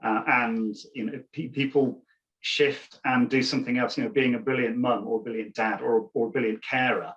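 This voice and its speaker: A man's voice: medium pitch, fairly even intonation, normal speed, a bit bright, far from the mic. A man joins a webinar discussion and adds his thoughts hesitantly. He sounds set back from the mic, and the audio is dull and lo-fi. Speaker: panelist.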